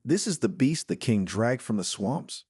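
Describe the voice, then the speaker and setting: A man voicing a proud, cruel vampire woman with a sharp, cold, mocking manner in a dark fantasy audio story. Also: mid-range voice, sing-song, moderate pace, husky, no room sound, studio quality. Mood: scornful.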